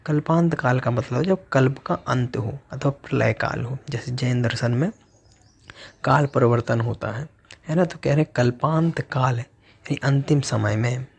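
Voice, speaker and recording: A man who recites sacred verses slowly and then explains them word by word, as a religious teacher giving a lesson. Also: medium pitch, gravelly, darkish tone, breathy edge.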